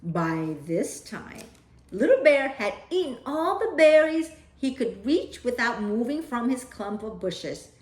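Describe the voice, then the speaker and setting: A woman's voice: on the high side, sing-song, a little slow. A woman storyteller reading a children's picture book aloud. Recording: roomy echo.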